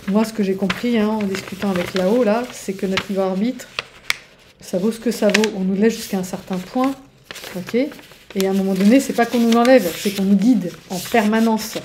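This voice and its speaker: A spiritual relationship coach gives a casual teaching monologue, chatty and digressive, often checking in with her listeners and restarting her sentences. Her voice is mid-range with a dark tone.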